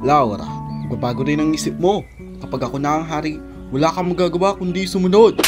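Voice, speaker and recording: An actor playing a scheming, envious count in a theatrical, menacing old radio drama style. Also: male voice, fairly high pitch, fast, music in the background, lightly acted. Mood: gloating. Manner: theatrical, mock-innocent, menacing. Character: scheming, envious young male count, gloating villain.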